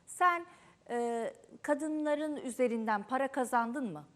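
A woman's voice: high voice, takes it slowly. A woman hosting a studio talk show, asking direct, pressing questions of her guests. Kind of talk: probing studio interview.

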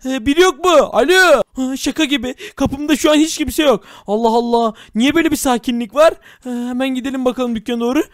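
A man's voice: extremely high pitch, fast, few pauses, no echo, clean studio sound. A man narrating a comic game role-play in a dramatic, exclaiming way.

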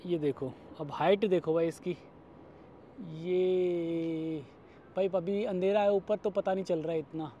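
A man's voice: sits high, steady tone, measured pace, mellow, dull audio, slight background noise. A man in his thirties from India, chatting casually to viewers as he vlogs outdoors on city streets at night, phone held at arm's length. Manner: chatty, addresses viewers as guys and brother. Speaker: vlogger. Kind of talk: casual vlog narration.

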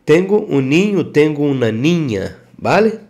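Slow man teaching Spanish. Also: a little high, big pitch swings, darkish tone. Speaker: language teacher for truck drivers. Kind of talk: casual online lesson.

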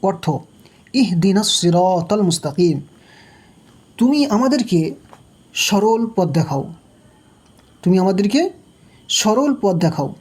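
A woman teaching Quran recitation, patiently spelling out syllables, repeating each one, and chanting verses slowly. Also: medium pitch, animated, darkish tone, breathy edge. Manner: slow melodic chanted recitation.

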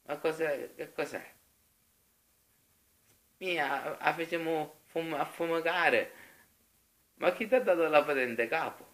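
Comic parody dub: irritable Sicilian complainer, performed by a man, slangy, forceful, foul-mouthed. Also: fairly high pitch, slow, pauses often. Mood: griping.

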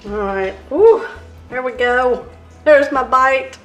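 A woman with a high voice and slow pace runs a cooking demonstration at home for her channel, explaining each step and savoring bites as she tastes. The camera is trained on her hands and countertop in a roomy kitchen with faint music.

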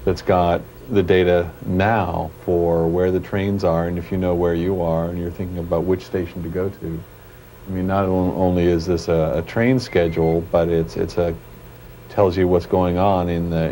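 A man from Canada, a programmer being interviewed, talking in a halting way and searching for his words, heard on a worn VHS tape copy. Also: low voice, dark tone, low-quality recording. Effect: worn VHS tape copy with faint hiss. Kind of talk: casual interview talk. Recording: worn tape with faint hiss.

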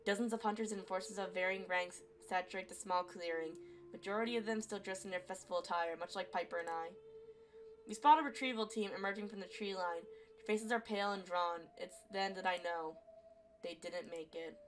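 A woman streamer reading a visual novel aloud as expressive story narration. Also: medium pitch, a little fast. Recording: faint game music behind. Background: faint music.

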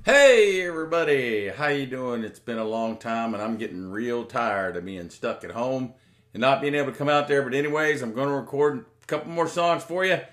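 A man's voice: mid-range voice, expressive, brisk. A man in his fifties, a guest musician, chatting in a laid-back, joking way from a room at home on a webcam. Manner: laid-back joking chat, then singing with guitar. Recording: loud guitar music behind the voice.

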